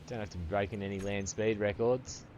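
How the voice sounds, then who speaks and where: Gaming on a live stream, this streamer, a man of about fifty, talks casually with viewers, cursing freely and calling them brother. His lowish voice is brisk with a darkish tone, the audio sounds dull, and faint music plays in the background.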